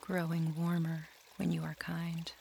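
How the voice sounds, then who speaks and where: Male meditation guide: slow, soft, gravelly voice, little pitch movement, calm scripted delivery. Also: slight background noise. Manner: slow, soft and soothing, drifting into near-whispers.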